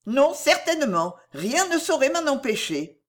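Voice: sits high, sing-song, measured pace, pitched above the performer's own voice. A reader voicing a young woman in distress, anxious and tender, who sighs and falters, in an audiobook of a classic novel. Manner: sighing, faltering and breathless.

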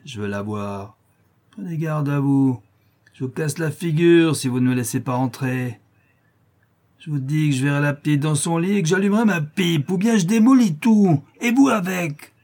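A man voicing a hoarse drunken brute, raised pitch, loud bullying shouts. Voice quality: hoarse, rough. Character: drunken lame brutish male neighbor.

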